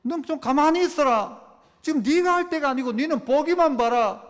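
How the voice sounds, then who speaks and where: A man's voice: very high voice, normal speed, pitched above the performer's own voice. A man voicing God as a stern figure scolding His people in Gyeongsang dialect, blunt and bossy, in an echoey church.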